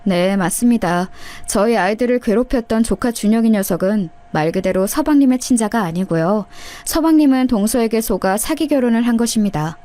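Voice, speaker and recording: A woman's voice: on the high side, fairly quick, few pauses, warm tone. Woman narrating a story to listeners. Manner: confiding, addresses listeners directly.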